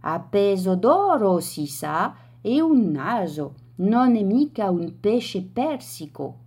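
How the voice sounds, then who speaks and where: A woman's voice: medium pitch, very animated, takes it slowly, darkish tone, breathy edge, full character voice. A woman voicing a shrewd fisherman who haggles in a matter-of-fact way. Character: shrewd stubborn fisherman, man.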